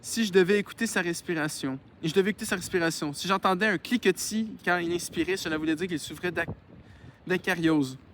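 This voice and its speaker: A man's voice: high-pitched, fairly bright tone, a little hiss or hum. A man reading a novel aloud outdoors in casual style, stumbling over words and breaking off into sarcastic, swearing asides. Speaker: audiobook reader. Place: outdoors in the wind.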